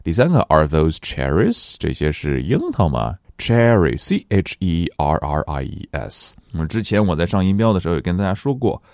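A man whose first language is Chinese, teaching English pronunciation and reading each word slowly twice for his students to repeat. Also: low voice, sing-song, a little mellow, no echo, clean studio sound. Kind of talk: language lesson, reading words slowly for repetition.

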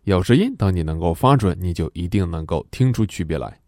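A man teaching a pronunciation lesson, demonstrating sounds slowly and deliberately and joking along the way. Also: deep voice, expressive, a little mellow, no room sound, studio quality.

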